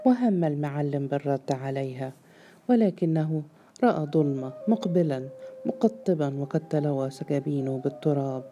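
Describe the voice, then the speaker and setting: A woman narrating a literary novel in a measured storytelling manner. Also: low voice, mellow, a little hiss or hum. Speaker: audiobook narrator.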